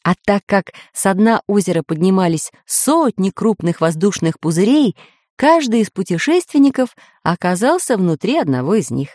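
A woman reading a children's adventure story aloud with expressive narration. Her voice sits mid-pitch. The recording is dry and close. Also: moderate pace, no room sound.

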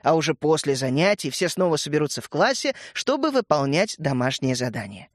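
A man narrating a children's story in a measured, expressive reading. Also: fairly high pitch, no room sound, studio quality.

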